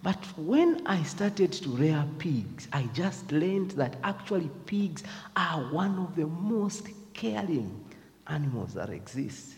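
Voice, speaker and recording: A man with a Zambian accent gives a devotional talk in a slow, thoughtful way, often hesitating over his words. His pitch rises and falls freely. The voice hangs in a long hall reverb. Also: big pitch swings, darkish tone. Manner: reflective, hesitant with many fillers. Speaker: speaker.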